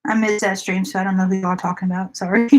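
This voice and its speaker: A woman's voice: medium pitch, brisk, a little mellow, low-quality recording. A woman, chatting casually with viewers during a craft live stream and often laughing. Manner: chatty, giggly, talks to viewers by name.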